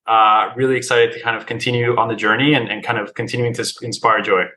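Bright-voiced male guest from Colombia. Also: medium pitch, fairly even intonation, fast, rough recording. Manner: friendly, hesitant with many "uh" fillers. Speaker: restaurant co-founder and co-CEO. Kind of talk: interview guest.

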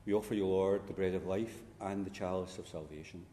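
A man, a priest, reciting funeral Mass prayers in a measured, solemn way, his voice ringing with cathedral echo. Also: low voice, fairly even intonation, mellow, a little hiss or hum. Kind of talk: liturgical recitation. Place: large church. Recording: long reverb in a large church, faint ambience.

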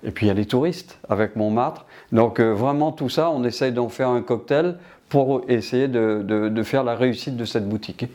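A man's voice: mid-range voice, moderate pace, a little mellow. An older man from Martinique answering interview questions about his business, hesitant with many restarts.

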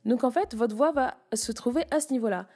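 A woman's voice: on the high side, a little fast, dark tone. A woman giving a casual spoken lesson on using the voice, switching between chest, mask and head voice to demonstrate. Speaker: voice coach.

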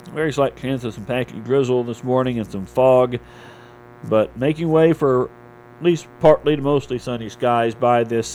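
Guy reading local radio news, sports and weather, medium pitch, some hum in the background. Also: darkish tone, poor audio. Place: radio studio.

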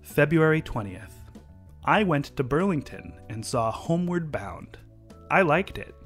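A man doing a mock old-time 1940s newsreel announcer voice, with a grandiose, theatrical, drawn-out delivery. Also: fairly high pitch, sing-song, a bit bright, faint music behind, voice pushed up. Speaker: podcast co-host.

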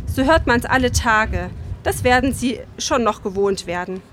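A woman's voice: fairly high pitch, animated, moderate pace, a bit bright, slight background noise. A woman reading the part of a male coachman in a story, speaking in a dismissive, matter-of-fact way.

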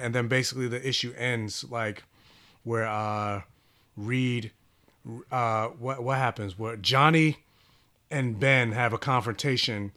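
A man's voice: medium pitch, sharp tone, smooth. A man on a podcast casually recapping a comic book, rambling with many fillers and restarts. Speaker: podcast host reviewing comics.

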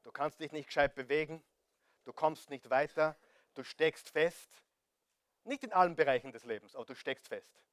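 A man's voice: on the high side, normal speed, dry recording. A man with an Austrian accent preaching a sermon, talking directly to his listeners, asking rhetorical questions and urging them again and again to listen. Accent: Austrian German. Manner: direct, pleading, repeats appeals to listen; rhetorical questions, big swings in loudness.

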